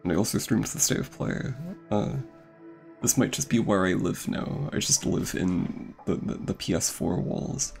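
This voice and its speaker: Game music plays as a young male streamer rambles casually, full of fillers and restarts and a little breathless. His low voice is expressive, creaky and darkish in tone, moving at normal speed.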